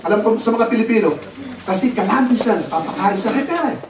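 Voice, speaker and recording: A man preaching as pastor, telling a story in an animated way and mixing in English words. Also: sits high, quick pace. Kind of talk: sermon. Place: church hall. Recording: echoey hall, distant mic, noisy.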